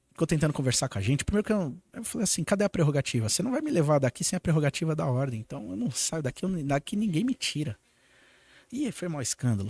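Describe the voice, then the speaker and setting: A man with a Brazilian Portuguese accent, a lawyer telling a story on a podcast in a lively way and acting out the lines of the people in it. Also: mid-range voice, husky, no room sound. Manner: animated, acts out quoted dialogue. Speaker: lawyer guest.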